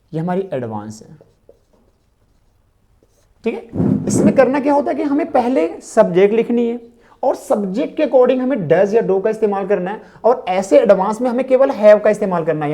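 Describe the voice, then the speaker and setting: A woman teaching a grammar lesson to students, repeating key phrases slowly and asking rhetorical questions as she explains. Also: fairly low pitch, mellow.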